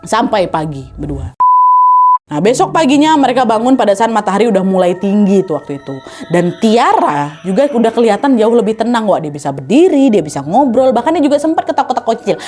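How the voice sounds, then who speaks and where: A woman casually telling a horror story to a friend, acting out the panicked shouts of the people in it. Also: mid-range voice, a little fast, over music. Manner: lively, animated, acts out the characters' panicked shouts.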